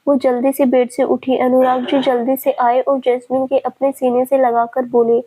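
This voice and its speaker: High-voiced woman narrating a story. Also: level tone, moderate pace, warm tone, slightly rough. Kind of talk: scripted narration of a family story.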